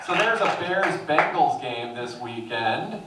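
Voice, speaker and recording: Brief: male comic, 30s, playful crowd banter, mid-pitched, echoey room. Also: expressive, far from the mic, heavy background noise. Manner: playful, quick asides to the crowd. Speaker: stand-up comedian. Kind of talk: stand-up comedy set. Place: comedy club stage. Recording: echoey club, mic from afar.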